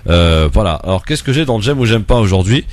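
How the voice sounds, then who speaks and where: A man hosting a casual radio talk show, asking guests lively, teasing questions with many fillers. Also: lowish voice, quick pace.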